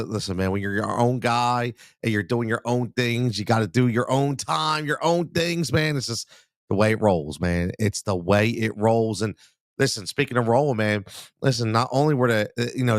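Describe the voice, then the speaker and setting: Congested from a cold, a man hosts a live sports talk show, rambling, repeating himself and calling listeners "man." His voice is lowish. The studio-quality recording has no echo.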